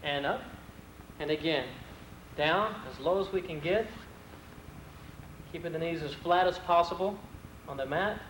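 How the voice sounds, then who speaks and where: A man leading stretching exercises with calm, steady commands and counted reps, heard from a worn VHS tape copy. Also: fairly high pitch, unhurried, long pauses, reverberant, slight background noise, rough recording. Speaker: martial arts instructor.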